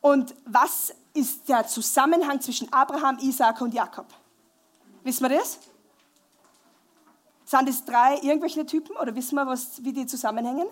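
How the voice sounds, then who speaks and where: A woman giving a lively sermon to a congregation in a church hall, asking them questions. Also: high voice, moderate pace. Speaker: preacher.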